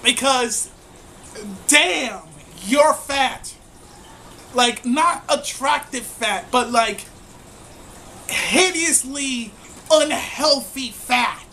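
A woman's voice: high voice, very slow, pauses often, bright, forceful tone, a little hiss or hum, poor audio. A woman giving profane, mocking commentary on a video she is reacting to. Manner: crude, profane and scornful.

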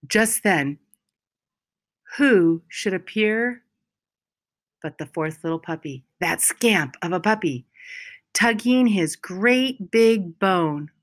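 Reading aloud from a children's picture book, a woman uses a medium-pitched voice. Her storyteller's delivery is expressive and unhurried in its phrasing, with words given extra weight here and there.

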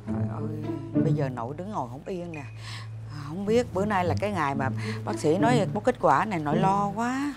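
A woman's voice: fairly low pitch, lively intonation, a little fast, close to an everyday voice. An actress playing a fussy elderly grandmother in a family sitcom, exclaiming and flustered, with music underneath. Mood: anxious. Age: older. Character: fussy elderly grandmother who hides her worries. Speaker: mother-in-law.

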